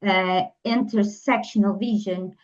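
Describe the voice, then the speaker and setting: A woman's voice: medium pitch, steady tone, measured pace. Woman podcast host, lots of uhs, kinda dull muffled mic. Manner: hesitant, many fillers. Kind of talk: interview introduction.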